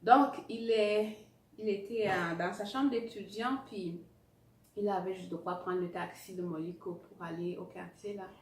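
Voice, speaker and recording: Female motivational coach, medium pitch, emphatic and repetitive delivery, echoey room sound. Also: steady tone, a little slow. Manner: emphatic, repeats key phrases, direct address; some English words mixed into French. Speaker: writing coach. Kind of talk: motivational teaching with acted-out anecdotes. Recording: roomy echo, distant mic, faint noise.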